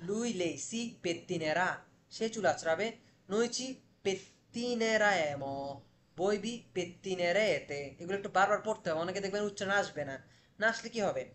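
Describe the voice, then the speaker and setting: A man teaching an online language class, drilling verb forms aloud and asking rhetorical questions as he explains. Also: high voice.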